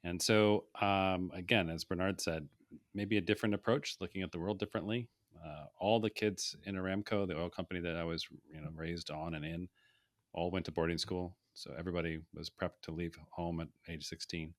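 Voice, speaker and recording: A man who grew up in Saudi Arabia, a podcast guest speaking in a thoughtful, structured way with pauses and fillers. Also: low voice, steady tone, no room sound, studio quality. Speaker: guest, portfolio manager. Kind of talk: casual interview.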